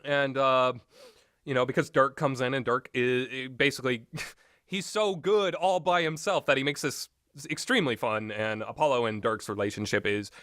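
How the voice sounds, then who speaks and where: A man with a mid-range, slightly bright voice speaks at normal speed in a clean, dry studio recording. Commenting on visual novel games, he rambles off the cuff with informal, opinionated takes and emphatic repetition.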